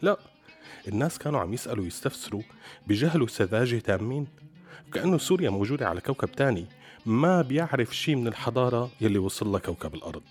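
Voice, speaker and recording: A man's voice: medium pitch, sing-song, fast. A man with a Syrian Arabic accent narrating a scripted story as a storyteller. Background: music behind the voice.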